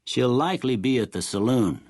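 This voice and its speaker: An older male actor voicing a kindly, wry small-town doctor in a video game, with a folksy American rural Western drawl and a raspy voice. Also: medium pitch, expressive, darkish tone, no room sound, clean studio sound. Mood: gentle, wry. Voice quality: raspy, gravelly. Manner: folksy, unhurried, plainspoken. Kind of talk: video game character dialogue.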